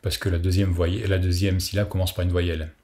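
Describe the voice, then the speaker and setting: Guy teaching a recorded language class, lowish voice, patient, says the words slowly so you can repeat. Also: little pitch movement, mellow. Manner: explains patiently, models pronunciation for repetition. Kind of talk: recorded video lesson.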